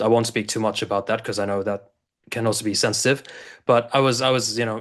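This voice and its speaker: A man in his thirties from South Africa, a coach and guest on an interview show, telling his story in a loose, rambling way with many restarts. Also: lowish voice. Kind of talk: casual interview talk.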